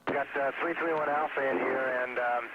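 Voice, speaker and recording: A crew member aboard a spacecraft, talking over a breaking-up radio link from orbit and giving brief, clipped replies in a terse air-to-ground exchange. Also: male voice, medium pitch, steady tone, fairly quick. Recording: noisy, muffled radio downlink.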